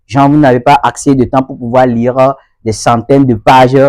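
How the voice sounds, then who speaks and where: A man's voice: medium pitch, level tone, normal speed, a little mellow, no echo. A man hosting a casual video lesson, talking straight to his viewers, repeating points and often checking they follow. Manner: repetitive, addresses viewers directly with frequent checks for understanding. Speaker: host of an English-learning channel.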